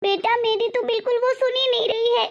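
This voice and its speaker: A woman voicing an anxious elderly mother-in-law in an animated family story, wailing and calling on God. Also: very high-pitched, a little fast, muffled recording. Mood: distressed.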